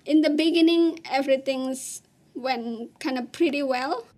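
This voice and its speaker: A woman from Indonesia, telling her own story in an earnest, halting way with pauses and restarts. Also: high voice, darkish tone. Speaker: interviewee. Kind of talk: personal testimony.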